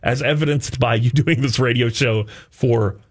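A man's voice: mid-range voice, fairly even intonation, moderate pace. A man talking casually and conversationally on a radio talk show.

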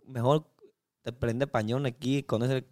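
A man's voice: medium pitch, steady tone, moderate pace, darkish tone. A young Chinese man chatting as a guest in broken, slangy Spanish full of restarts. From China. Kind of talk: casual interview chat.

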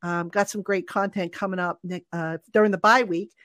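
A man's voice: fairly even intonation, moderate pace, sharp tone, dry recording, studio quality. A man hosting a live sports talk show, rambling and self-deprecating, with frequent stammered restarts. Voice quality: high voice, not a radio voice by his own account. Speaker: sports podcast host.

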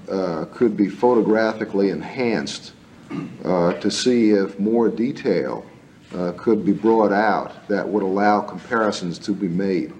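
A man with a lowish voice answers questions as an expert witness, pausing often. He is heard on an old archival courtroom tape with faint hiss behind him. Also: a little mellow. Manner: hesitant, many pauses with "uh". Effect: old archival 1979 courtroom tape. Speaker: expert witness, forensic dentist.

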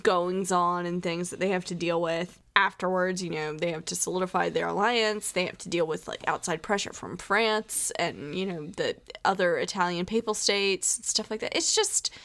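A woman's voice: fairly low pitch, normal speed, few pauses, a bit bright. A woman co-hosting a podcast in casual chat, chatty and self-deprecating. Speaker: podcast co-host.

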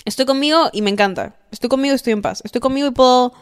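A woman's voice: high voice, very fast. A young woman hosting a podcast, giving casual, affectionate advice and often checking in with the listener. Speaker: podcast host.

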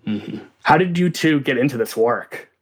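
A man hosting an interview, asking questions in a calm, even way. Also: medium pitch, normal speed, husky.

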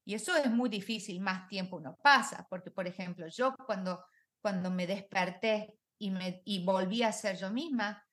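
A woman's voice: mid-range voice, normal speed, a bit bright. A middle-aged woman, a life coach talking in an interview, reflective, with many rhetorical questions and English words mixed in. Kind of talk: conversational interview.

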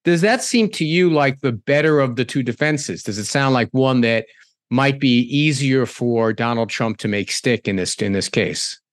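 In a clean, echo-free studio recording, a medium-pitched middle-aged man talks at normal speed. He's a podcast and radio host doing conversational hosting, chatting and rambling as he keeps interrupting himself to restart sentences.

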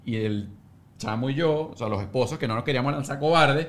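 A man, a podcast guest and father, telling an animated story and acting out what others said. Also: mid-range voice, fairly quick. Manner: animated, acts out quotes, swears on it. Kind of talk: casual storytelling.

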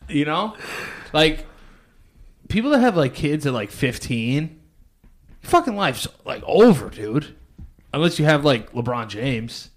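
Co-hosting a podcast, a man of thirty keeps the casual chat blunt, crude and jokey. He speaks slowly with long pauses, in a slightly high voice that is very animated.

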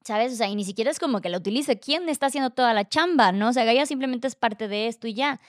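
A young Mexican woman with a Mexican Spanish accent, telling a personal story in casual, animated conversation and acting out what others said. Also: on the high side, fast talker, no echo, clean studio sound. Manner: animated, acts out quoted voices, lots of fillers. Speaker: podcast guest telling her story.

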